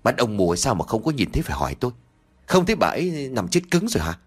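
A man's voice: sing-song, quick pace, husky. A man voicing a cruel, scheming middle-aged village wife who wails falsely and snaps sharply. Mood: scornful. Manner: shrill wailing, sharp-tongued.

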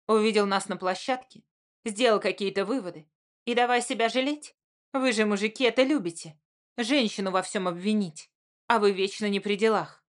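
A woman's voice: medium pitch, moderate pace, close to an everyday voice. A woman voicing the heroine, a grown woman who speaks with biting sarcasm. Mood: sarcastic.

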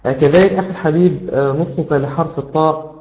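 A man teaching Quran recitation, giving patient, encouraging corrections full of drawn-out hesitations. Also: fairly high pitch. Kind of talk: instructional feedback on recitation. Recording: roomy, dull lo-fi sound.

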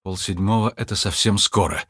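Brief: rushed, nervous musician, husky voice, read by a male narrator. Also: lowish voice, a bit bright, no echo, clean studio sound. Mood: urgent. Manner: urgent, bossy. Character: anxious, impatient jazz pianist man. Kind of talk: audiobook character voice.

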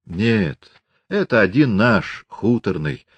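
A man's voice: on the low side, big pitch swings, slow, breathy edge, no echo, dull audio, full character voice. A man doing an impatient young peasant woman. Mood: pleading. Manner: urgent, sharp replies.

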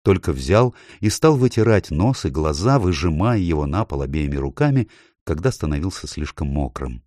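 A man reading a children's storybook aloud with an expressive, lilting delivery. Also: low-pitched, normal speed, no room sound, clean studio sound. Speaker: audiobook narrator. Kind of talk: storybook narration.

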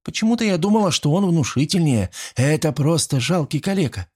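A man's voice: fairly high pitch, expressive, fairly quick, darkish tone, breathy edge, voice pushed up. A man reading an audiobook, voicing a scheming, vengeful young woman in a girlish, venomous voice. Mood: scornful.

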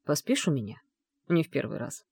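A woman reading an audiobook, voicing a calm young man who speaks quietly and insistently. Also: deep voice, brisk, vocal fry, slightly rough, no room sound, clean studio sound, heavily acted. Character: calm persuasive young male lord.

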